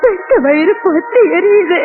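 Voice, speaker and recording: High-pitched tearful mother, animated pleading, tinny lo-fi film audio with music. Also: moderate pace. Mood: anguished. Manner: wailing, pleading. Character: distraught mother of three daughters, middle-aged. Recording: phone-like band with film music.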